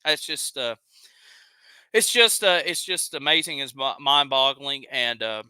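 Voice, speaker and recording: Southern guy hosting a live stream, kinda fired up, reads chat out loud, crisp and dry. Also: medium pitch, measured pace, no echo. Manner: heated, reads chat comments aloud. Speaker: live show host. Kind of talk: ranting live stream commentary.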